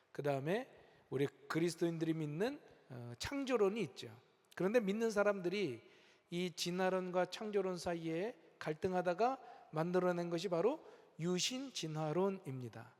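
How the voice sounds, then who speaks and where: Middle-aged guy preaching in a church, tells stories, talks right to the people, echo rings out in the big sanctuary. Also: high-pitched. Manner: earnest storytelling preaching with direct appeals to the congregation. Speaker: senior pastor. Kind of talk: sermon. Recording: long church hall reverb.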